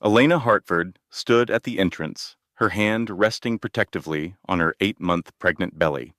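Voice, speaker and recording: A man narrating a dramatic story in a measured, scripted delivery. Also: low voice, fairly bright tone, no echo, studio quality.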